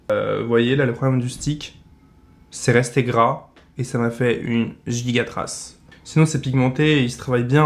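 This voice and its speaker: A man in his twenties with a French accent, chatting casually in a beauty vlog and giving blunt product verdicts. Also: medium pitch. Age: 20s. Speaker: beauty vlogger.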